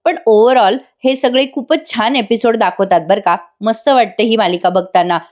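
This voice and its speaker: A woman's voice: fairly high pitch, normal speed, a little mellow. A woman giving a voice-over TV serial episode recap in a chatty, dramatic manner, speaking straight to her viewers. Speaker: TV serial reviewer.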